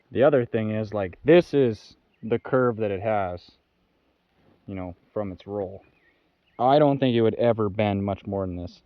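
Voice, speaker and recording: A man's voice: on the low side, dry recording, highs cut off. A young man hosting a casual vlog, talking his way through building work on his home in a chatty, explaining way.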